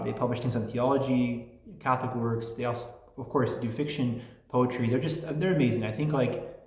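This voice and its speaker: Answering fan mail on his channel, this host reads letters out and rambles through his replies, often starting over. He has a medium-pitched voice, grew up with English and Polish, and is recorded in an echoey room.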